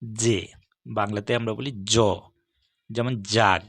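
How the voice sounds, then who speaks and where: A man giving a steady, measured lesson as an English teacher, walking through letters one by one. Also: medium pitch, no echo. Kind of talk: scripted lesson on English consonant sounds.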